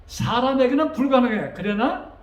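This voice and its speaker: A man preaching a sermon as pastor. He asks the congregation questions and rises to loud, dramatic quotes. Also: very high voice, lively intonation, moderate pace, reverberant, highs cut off.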